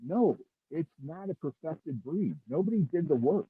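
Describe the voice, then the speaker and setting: A man's voice: on the high side, animated, normal speed, no room sound. A man talking casually as a dog breeder on a remote call, rambling with many restarts, his voice muffled as if heard through a wall. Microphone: earbuds on a remote call. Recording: muffled, husky, dry, phone-like remote call.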